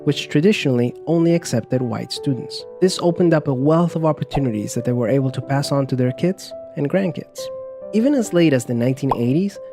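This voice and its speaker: A man giving calm, measured, scripted narration for an explainer video. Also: on the high side. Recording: narration over music bed.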